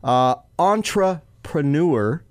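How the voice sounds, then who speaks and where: A man co-hosting a radio show in casual chat, chatty and quick to laugh, often tripping over his words. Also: fairly high pitch, animated, darkish tone, no room sound, clean studio sound. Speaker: radio co-host.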